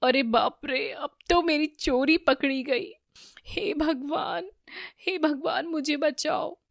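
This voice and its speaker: A woman's voice: fairly high pitch, animated, unhurried, dry recording, studio quality. A woman voicing a scheming young daughter-in-law who steals from her family, in a cartoon story. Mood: panicked. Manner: sly, scheming asides, panicky when caught.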